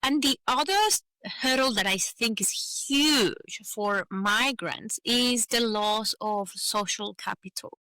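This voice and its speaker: She speaks slowly with hardly any pauses, her slightly high voice pushed and bright. This Venezuelan-accented native Spanish speaker guests on a podcast advocating for migrant professionals, earnestly explaining her points and adding "you know" often. There's no room sound, and quality is low.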